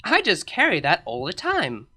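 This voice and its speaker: A woman's voice: lowish voice, wildly swooping pitch, normal speed, bright, forceful tone, full character voice. A woman voicing a blunt, proud alicorn princess with a matter-of-fact, slightly pompous delivery. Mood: deadpan.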